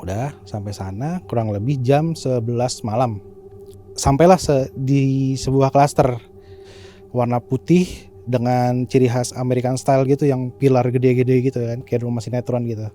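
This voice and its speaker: A man's voice: medium pitch, fairly even intonation, normal speed, dark tone, slight background noise. A man, casually retelling a horror story with slangy fillers. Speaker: guest storyteller.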